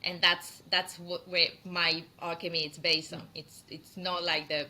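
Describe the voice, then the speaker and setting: This is a middle-aged woman with a Spanish accent, speaking English as a second language in a relaxed interview. Her voice sits low but rings very bright, and she laughs often while she gathers her thoughts. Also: measured pace. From Spain. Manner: laughs often, warm and chatty with many fillers. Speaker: perfume brand founder. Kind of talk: interview conversation.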